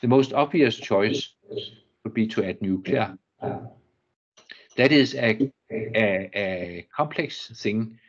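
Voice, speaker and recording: An older man from Denmark with a Danish accent, giving a technical lecture in a measured, halting way, often restarting and repeating words. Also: lowish voice, muffled recording. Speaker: guest lecturer. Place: university lecture room.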